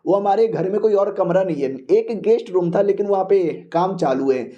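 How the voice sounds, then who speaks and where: A man's voice: sits high, brisk, dull audio, lightly acted. A man voicing a bossy, teasing older sister who scolds and mocks her younger brother. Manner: loud, scolding, mocking.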